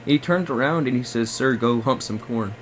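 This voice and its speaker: This prank caller, pretending to be a customer, has a medium-pitched voice and a brisk delivery. He complains politely but hesitantly, going over the same words again and again. The recorded call carries faint background noise.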